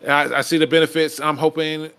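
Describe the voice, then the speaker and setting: A man's voice: on the high side, flat delivery, a little fast, bright, forceful tone, smooth, no echo. A man co-hosting a casual podcast, rambling and restarting his sentences, swearing now and then. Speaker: podcast co-host.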